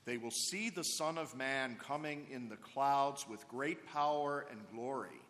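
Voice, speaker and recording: A man serving as priest at Mass, reading the Gospel and preaching in a slow, measured liturgical manner, his voice carrying a cathedral echo in a large church. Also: mid-range voice, a bit bright. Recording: long church reverb.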